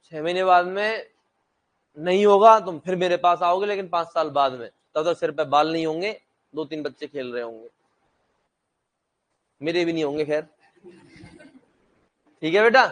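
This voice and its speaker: A man's voice: a little high, normal speed, long pauses, fairly bright tone. A young man teaching a classroom lecture, blunt and joking, who asks his students questions and then answers them himself.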